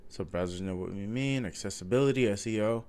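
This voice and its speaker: Low-ish, fast, and a little mellow, this man's voice carries a casual read-through of a coding course. A self-taught vlogger with a cold-stuffed nose, he thinks aloud while following along, often saying um and fixing his own mistakes.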